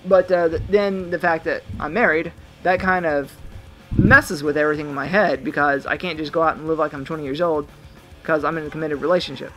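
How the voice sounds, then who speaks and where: A man's voice: fairly high pitch, fairly even intonation, a little fast, fairly bright tone, faint music behind, low-quality recording. A man in his thirties rambling reflectively to a camera in a vlog monologue. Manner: reflective, musing. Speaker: vlogger. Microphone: camera mic.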